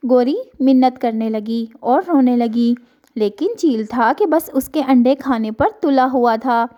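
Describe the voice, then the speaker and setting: A woman narrating a children's cartoon story in a gentle, chatty storytelling manner. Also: on the high side, dull audio. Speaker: storyteller, channel owner.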